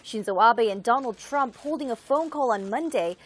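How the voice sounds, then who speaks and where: Woman anchor reading the news, fairly high voice, crisp and even. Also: normal speed.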